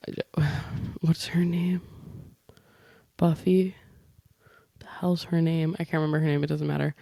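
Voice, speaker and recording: Young woman rambling on her podcast, lots of vocal fry, dry close sound. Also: low-pitched, a little mellow, no echo. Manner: rambling, chatty, self-interrupting. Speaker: podcast host. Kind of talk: casual solo podcast chat.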